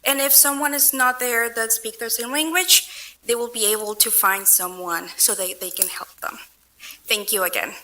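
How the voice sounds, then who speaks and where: Woman advocate speaking at city council, bright voice, kinda high, earnest. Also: steady tone, moderate pace, slight background noise, poor audio. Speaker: advocacy specialist. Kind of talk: public comment speech.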